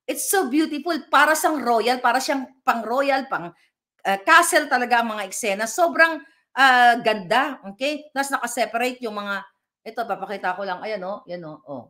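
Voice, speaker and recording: A woman's voice: a little high, expressive, moderate pace, pushed and bright. A woman giving emphatic live vlog commentary, speaking directly to her viewers and reading their comments aloud. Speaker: political vlogger.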